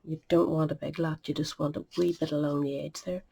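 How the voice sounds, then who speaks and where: A middle-aged woman with a cold sniffles as she chats through a card-making demonstration as a craft tutorial host, muttering asides under her breath. Her low voice is gravelly, warm, and slightly rough, level in tone and a little fast.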